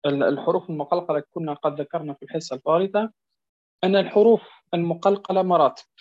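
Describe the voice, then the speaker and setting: A man teaching a Quran recitation lesson, repeating each point and often asking whether it is clear. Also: on the high side. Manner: drills words slowly, stretching them out. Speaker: tajweed teacher. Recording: dull lo-fi recording.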